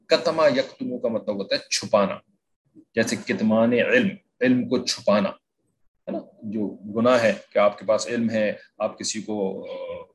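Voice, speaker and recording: A man's voice: lowish voice, slight background noise. A man teaching the meaning of Quranic verses word by word, often asking if his listeners follow and mixing in English words. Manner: repeats "theek hai" to check understanding, mixes in English words.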